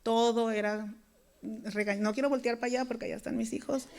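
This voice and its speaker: A woman's voice: on the high side, fairly even intonation, a little fast, a little mellow. A woman preaching a sermon, talking to her congregation in an earnest, conversational way. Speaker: preacher and worship leader.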